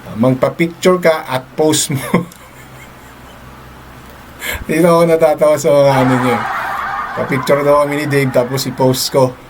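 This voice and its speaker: A man's voice: fairly high pitch, fairly even intonation, moderate pace, long pauses, a little hiss or hum. A man hosting a live stream, talking casually to his viewers, mixing in English phrases, laughing often and ending many lines with a tag question. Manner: chatty, mixes English into Tagalog, laughs often, repeats "no?".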